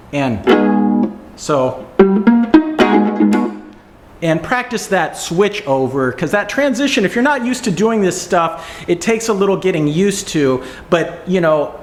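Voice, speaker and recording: A man teaching viola technique, explaining and demonstrating passages in a relaxed, pausing way. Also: a little high. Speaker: music teacher. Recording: roomy echo, faint music.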